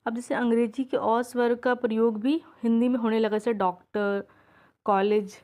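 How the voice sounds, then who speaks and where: Casting: female teacher, fairly high voice, patient step-by-step exam-prep explainer who keeps checking understanding. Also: darkish tone. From India. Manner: drawn-out example sounds, each said slowly. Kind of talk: exam-prep grammar lesson.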